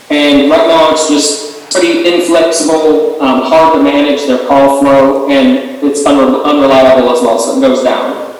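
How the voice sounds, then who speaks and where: A man from Missouri pitches his services over a remote video call that plays through a loudspeaker in a council hall. His voice reaches the mic from far off and rings with a long, roomy echo. He talks in a halting way, restarting and repeating words. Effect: remote video call played over a room loudspeaker. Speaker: local account manager presenting to a city council. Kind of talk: remote sales presentation.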